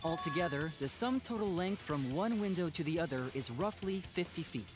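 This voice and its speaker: Guy doing a young student voice in a far-off flashback echo, calm and factual, bouncy pitch, music playing. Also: brisk. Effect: distant flashback echo. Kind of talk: fan voice-over of a game.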